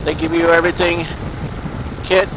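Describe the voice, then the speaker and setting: High-voiced man talking inside a motorcycle helmet. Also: flat delivery, normal speed. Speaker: motorcycle vlogger. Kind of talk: casual spoken vlog while riding. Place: outdoors on a moving motorcycle. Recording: loud wind and engine noise. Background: strong wind, motorcycle engine.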